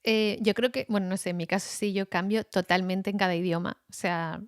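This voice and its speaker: A woman as a podcast guest in a casual conversation, animated, laughing often and acting out her own thoughts. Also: medium pitch, fairly quick, dry recording, studio quality.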